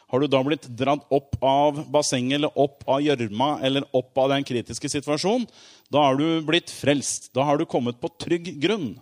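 A man giving an informal sermon, explaining with everyday examples in a conversational way, with frequent asides and fillers, drawing out key words slowly for emphasis. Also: mid-range voice. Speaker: preacher.

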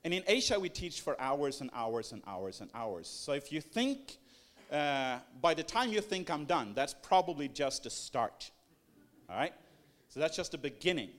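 Animated high-voiced man preaching. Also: normal speed. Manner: animated, rhetorical, emphatic repetition. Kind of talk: sermon-style teaching.

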